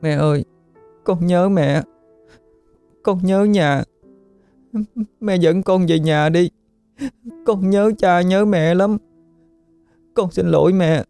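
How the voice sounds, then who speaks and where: A man's voice: sits high, takes it slowly, gravelly, long pauses, dark tone, clean tone, no room sound, faint music behind, pitched above the performer's own voice, full character voice. A man voicing a homesick little girl who pleads tearfully with her mother in a ghost story audiobook. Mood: pleading, tearful. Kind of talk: audiobook character voice.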